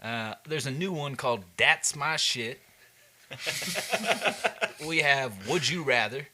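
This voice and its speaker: A man co-hosting a casual podcast, upbeat and quick to hype up his friends. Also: mid-range voice, lively intonation, sharp tone. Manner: upbeat, hypes the others. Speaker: podcast co-host.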